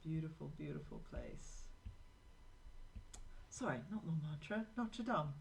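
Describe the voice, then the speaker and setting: A low-pitched woman hosts a live-streamed drawing session, talking to her viewers as she works. Her talk is rambling and anecdotal, with the easy flow of someone thinking aloud, and a faint hiss sits under the voice. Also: huge pitch swings, slow, vocal fry, low-quality recording. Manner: rambling, anecdotal, talks to viewers while working. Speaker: live drawing show host. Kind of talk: chatty live-stream narration while drawing.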